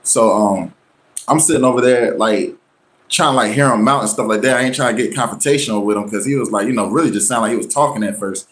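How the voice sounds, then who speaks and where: A man hosting his own show, telling a personal story in loose, slangy casual talk. He acts out the people he quotes with sudden jumps in pitch. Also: fast, fairly bright tone. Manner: slangy, loose, full of "you know what I'm saying". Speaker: show host.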